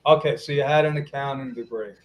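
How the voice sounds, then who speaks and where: A man's voice: mid-range voice, fairly even intonation, quick pace, lo-fi sound. A man hosting a casual live interview, chatty, repeating himself and talking to viewers as folks. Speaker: interview host.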